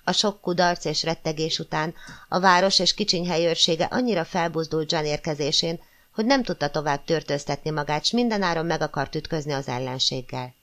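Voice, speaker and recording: A woman narrating a classic novel as an audiobook, in a measured, expressive storytelling manner. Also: low voice. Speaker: audiobook reader.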